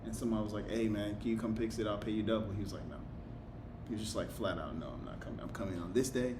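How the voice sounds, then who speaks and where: A man hosting a casual interview chat, relaxed, often agreeing briefly and telling his own stories. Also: rapid-fire. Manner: relaxed, frequent short agreements and laughs. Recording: roomy with rumbling background noise.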